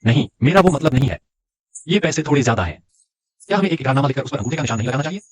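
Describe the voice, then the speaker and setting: A man's voice: medium pitch, very animated, very fast, dry recording. A young man voicing a bold, cocky fighter in a dubbed drama, with a taunting delivery. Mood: calm. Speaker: dub voice actor. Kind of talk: Hindi drama dubbing.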